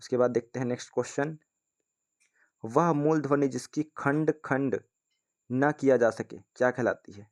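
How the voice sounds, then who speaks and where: At a moderate pace and with frequent pauses, a mid-range male voice leads a casual exam-prep lesson. He reads questions out, addresses viewers as friends, and keeps asking "ठीक है ना" to check on them.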